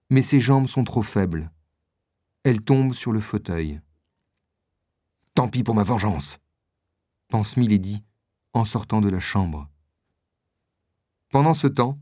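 A calm storybook narrator who reads slowly and evenly. The tone is mellow and warm, recorded dry and close. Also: medium pitch, no room sound. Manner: calm, measured. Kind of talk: storybook reading.

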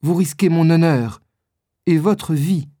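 A man's voice: a little high, slow pace, dark tone, dry recording, studio quality, pitched above the performer's own voice. A man reading a storybook aloud, voicing a sad, dignified queen with a firm, raised delivery.

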